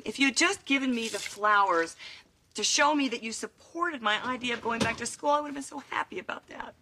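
An actress playing a wry, exasperated American sitcom wife with a dry, pointed way of talking. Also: female voice, a little high, brisk, lightly acted. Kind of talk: sitcom acting. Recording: noisy TV soundtrack.

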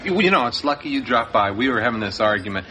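A man's voice: mid-range voice, expressive, fast, a crowd in the background, close to an everyday voice. An actor playing an easygoing, friendly man chatting with pals in a sitcom. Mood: affable. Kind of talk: sitcom acting before a live audience. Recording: audible studio audience.

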